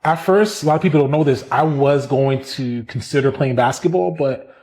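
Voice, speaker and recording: A Brooklyn, New York man in his thirties, a musician and community organizer, tells his story in a relaxed interview. His medium-pitched voice is animated and chatty, and he laughs often.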